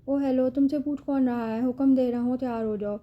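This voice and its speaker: A woman with a high, fairly even voice that sounds close to everyday speech reads the part of a cruel, vengeful young man who has kidnapped a girl. She voices him in a menacing, threatening, mocking way for an audiobook, and the recording has a lo-fi quality.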